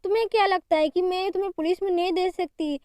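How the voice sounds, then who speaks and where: A woman voicing a quick-tempered young wife who scolds and threatens the man in her home. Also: very high voice, steady tone, a little mellow, dry recording. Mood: angry.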